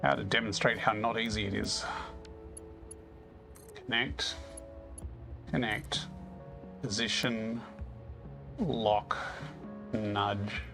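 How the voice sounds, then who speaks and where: A man's voice: lowish voice, fairly even intonation, slow, gravelly, pauses often. Man thinking aloud over game music. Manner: thinks aloud, self-deprecating. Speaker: gaming video host. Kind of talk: casual gameplay commentary.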